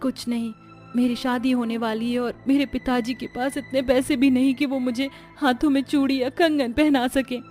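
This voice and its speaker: A woman voicing a poor young bride-to-be who speaks quietly and timidly. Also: sits high, little pitch movement, normal speed, faint music behind, natural voice. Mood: sad.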